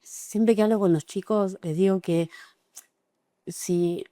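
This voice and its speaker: A middle-aged Argentine woman giving an emotional, halting personal account as an interview guest, with frequent restarts. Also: medium pitch, steady tone, warm tone, no room sound, clean studio sound. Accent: Argentine Spanish. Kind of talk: personal testimony in conversation.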